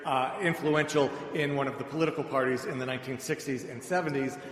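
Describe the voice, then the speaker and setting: An American preacher from the suburbs of Chicago speaks fast in a medium-pitched male voice with fairly even intonation. He gives a sermon with personal anecdotes, conversational and dryly humorous in manner. The hall is echoey, with long reverb and background noise.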